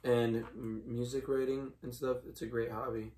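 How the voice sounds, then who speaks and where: A man's voice: medium pitch, little pitch movement, normal speed, crowd noise. A young man chatting casually and giving blunt, brief, matter-of-fact advice as a co-host. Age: young adult. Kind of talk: casual chat. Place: small room at home, indoors.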